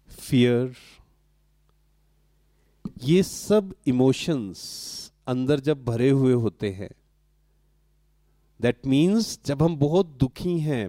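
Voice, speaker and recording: A man speaks to a live audience, posing questions and then answering them himself. His voice is mellow, and it sits close and dry on the mic, with little room sound. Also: medium pitch, no echo. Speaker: spiritual speaker addressing an audience. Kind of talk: interactive talk to a live audience.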